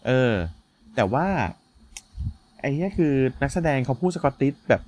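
A man's voice: mid-range voice, normal speed, a little mellow, slight background noise. A man co-hosting a wrestling podcast, chatting casually and swearing freely. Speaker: podcast co-host.

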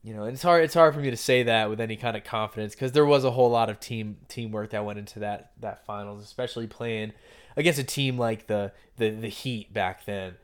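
A man's voice: on the low side, a little fast, clear, resonant tone. A man hosting a podcast, talking basketball in a casual, opinionated way and often restarting his sentences. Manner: conversational, opinionated, frequent restarts. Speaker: podcast host.

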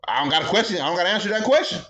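A man's voice: high-pitched, racing. A young man hosting a podcast, telling a casual comedic story in slang and acting out the voices of the people in it. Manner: animated storytelling, slangy, acts out quoted voices. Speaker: podcast host.

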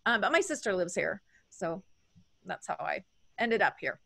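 A woman's voice: mid-range voice, expressive, moderate pace, gravelly, fairly bright tone. A woman hosting an interview in a casual, chatty way, laughing easily. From lives in Wyoming. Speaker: interview host.

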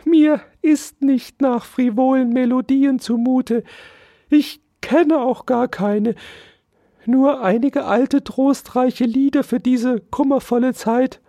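A storyteller voicing a poor, self-pitying female field mouse who pleads and wails in a very high, strained voice. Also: fairly even intonation, slow, mellow, dry recording, studio quality. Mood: wailing.

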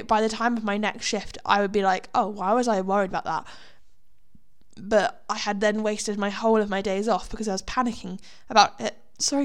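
A young woman with a British accent talks straight to her viewers in a loose, rambling chat. She swears freely and makes fun of herself. Her voice sits in a middle pitch, and she is close to the mic. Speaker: vlogger. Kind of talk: casual chat.

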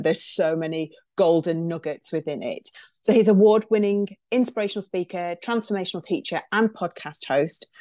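A woman's voice: fairly low pitch, darkish tone, no echo, clean studio sound. A woman hosting a podcast, talking in an enthusiastic, chatty way with lots of fillers. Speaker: podcast host. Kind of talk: podcast intro and interview.

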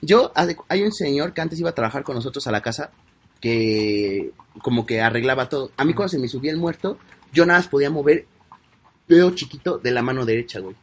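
A young man, co-hosting a casual podcast and telling stories in a slangy, excitable way. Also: medium pitch, quick pace, breathy edge. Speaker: podcast co-host. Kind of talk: casual chat.

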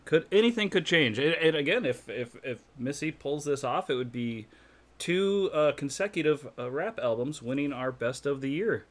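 A man hosting a casual podcast chat, often restarting words and filling pauses with uh, laughing easily. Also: a little high, lively intonation. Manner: stammering restarts, frequent uh fillers, laughs easily. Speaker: podcast host.

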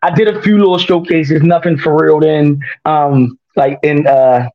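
A guest rapper with a slightly high voice tells his story at a measured pace in a casual interview, with the audio's highs cut off. He's lively and self-mocking, laughing often at himself.

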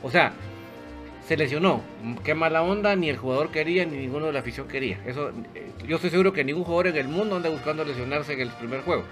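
A man gives blunt, critical football opinions in a casual podcast chat. His voice sits fairly high, with faint music in the background. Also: quick pace. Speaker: podcast co-host.

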